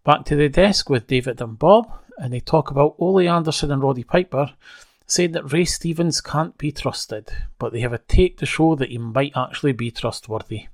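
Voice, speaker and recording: A man's voice: a little high, moderate pace, no room sound, clean studio sound. A man casually recapping an old wrestling broadcast, conversational with wry asides. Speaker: wrestling show reviewer.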